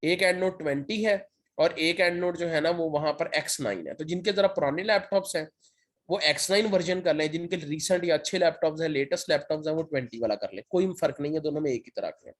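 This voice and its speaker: A man gives a step-by-step software tutorial as a lecturer. He keeps checking in with his students as he goes. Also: a little high, fast talker. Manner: step-by-step, repeats "ठीक है" to check in. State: sore throat, occasional cough. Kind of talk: screen-share software tutorial.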